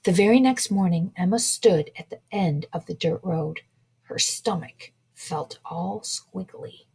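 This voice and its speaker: A woman librarian reading a children's picture book aloud in a slow, expressive way. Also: fairly low pitch, gravelly, slightly rough.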